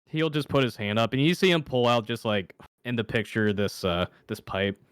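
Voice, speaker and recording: A man narrating as game master in a casual, chatty way, with quick asides to his players. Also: medium pitch, lively intonation, fairly bright tone, clear, resonant tone, no room sound, clean studio sound. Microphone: camera mic.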